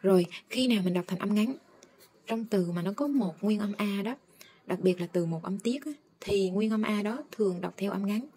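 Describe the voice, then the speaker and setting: A woman teaching English phonics, slowly drawing out and repeating each sound as she models it. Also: medium pitch, dark tone, a little hiss or hum. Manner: slow, drawn-out modeling of sounds. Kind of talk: phonics lesson.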